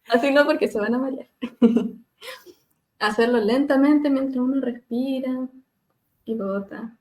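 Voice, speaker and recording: A woman speech therapist leading a webinar on voice care, gently demonstrating hums and glides over a video call and laughing at herself now and then. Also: sits high, slow, pauses often. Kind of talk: live webinar lesson on vocal exercises.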